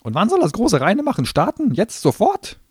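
A shrill, mocking little gnome demon shoots up high and swings his pitch wildly as he sneers. His voice sits dry and close, sarcastic and quick to temper. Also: huge pitch swings, slightly rough, no room sound, exaggerated voice. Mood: pedantic. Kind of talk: audiobook reading.

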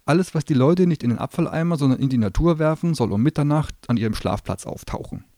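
A man's voice: fairly high pitch, quick pace, dark tone, no room sound, studio quality, pitched above the performer's own voice, lightly acted. A man voicing a determined young girl in an audiobook reading, firm and matter-of-fact.

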